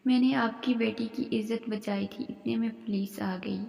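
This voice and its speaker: A woman's voice: a little high, steady tone, creaky, a little mellow. A woman voicing an angry, possessive young husband in a narrated story, with a stern, commanding manner. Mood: pleading. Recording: long reverberant echo.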